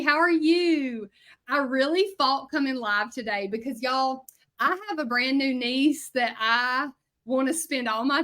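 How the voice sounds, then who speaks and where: A woman's voice: high-pitched, fairly bright tone. A woman in her thirties from Louisiana with a Southern accent, chatting to livestream viewers while teaching hand lettering. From Louisiana, USA. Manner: chatty, bubbly, talks to viewers while working. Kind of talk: casual livestream chat while demonstrating.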